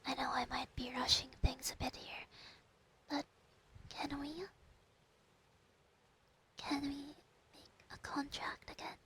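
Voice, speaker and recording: A woman voicing a clingy, proud female fox spirit familiar in a whispered role-play, breathy and intimate on a close binaural microphone. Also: high voice, bright, forceful tone, a little hiss or hum, exaggerated voice. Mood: longing, coaxing.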